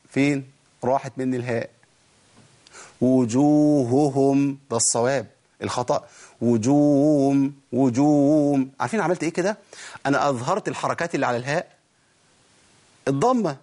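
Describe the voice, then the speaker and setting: A man with an Egyptian accent teaches recitation in a lesson, his voice sitting a little above the usual male pitch. He quizzes his listeners with rhetorical questions. He stretches out example words slowly to show each sound. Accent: Egyptian Arabic.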